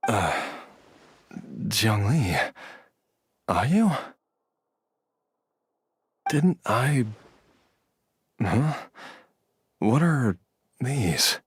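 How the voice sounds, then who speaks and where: Weary devoted father, very husky, slow, earnest, halting, video game drama. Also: mid-range voice, big pitch swings, full character voice. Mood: dazed. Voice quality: husky, breathy. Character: weary, devoted dying father, resigned and tender. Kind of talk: scripted video game acting.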